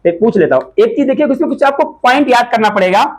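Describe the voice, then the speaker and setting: A man teaching a classroom lesson, asking the pupils short repeated questions and sometimes calling out loudly. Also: very high voice, expressive, fast, low-quality recording.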